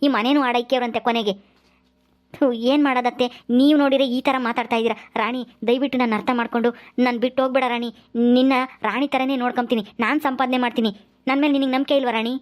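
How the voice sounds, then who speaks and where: Brief: woman as an earnest young husband, high and quick, pleading tone. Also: fairly even intonation, close to an everyday voice.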